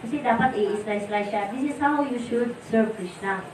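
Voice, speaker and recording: A woman's voice: fairly high pitch, normal speed, a little mellow. A middle-aged woman with a Filipino accent, a disciple sharing rambling memories at a temple gathering, often searching for words. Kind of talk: informal remembrance talk, Taglish. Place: temple hall. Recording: roomy, distant mic, faint noise.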